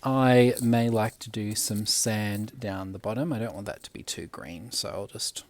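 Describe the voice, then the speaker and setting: A young man, a primary school teacher, gently talking children through a drawing step by step. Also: lowish voice. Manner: gentle, unhurried, talks while drawing. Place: classroom at school.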